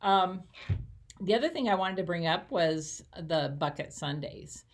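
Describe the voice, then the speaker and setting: A woman's voice: lowish voice, lively intonation, unhurried. A woman who coordinates church missions, chatting casually with many fillers and easy laughter. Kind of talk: casual chat.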